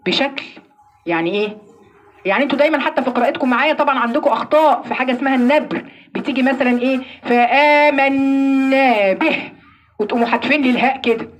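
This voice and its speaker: Egyptian lady teaching a recitation class, high pitched, talks fast, demos verses slow. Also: lively intonation. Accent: Egyptian Arabic. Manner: explains with questions she answers herself; demonstrates recitation slowly. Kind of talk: classroom lesson.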